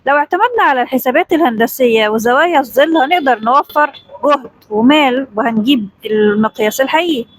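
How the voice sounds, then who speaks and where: A woman voicing a calm, polite boy scholar. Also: high-pitched, fast. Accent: Egyptian Arabic.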